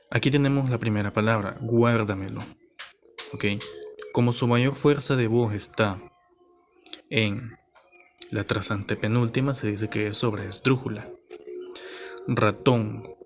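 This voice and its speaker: A man explains a lesson in a low, steady voice. He goes step by step and often stops to ask if his listeners are following. Birds and a rooster are clearly heard in the background. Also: a little hiss or hum. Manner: patient, checks in with "¿ok?" and "¿ya?". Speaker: teacher.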